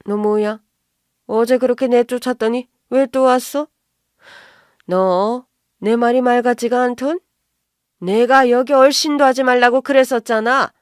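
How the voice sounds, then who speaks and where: A woman voicing a bossy, rude middle-aged mother-in-law who yells and scolds. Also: mid-range voice, moderate pace, no room sound, clean studio sound, natural voice. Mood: furious yelling. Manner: shouting, scolding, contemptuous.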